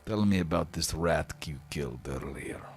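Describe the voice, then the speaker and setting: A man voicing a proud, hearty young barbarian woman in a loud, high put-on voice. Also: moderate pace, faint music behind. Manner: loud, hearty, pitched far up.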